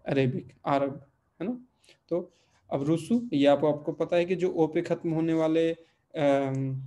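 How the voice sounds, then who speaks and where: Male language teacher, patient and repetitive, drills word endings, mellow tone. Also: on the high side, a little hiss or hum. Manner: patient, repeats word forms slowly, checks in with "ठीक है". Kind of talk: online language lesson.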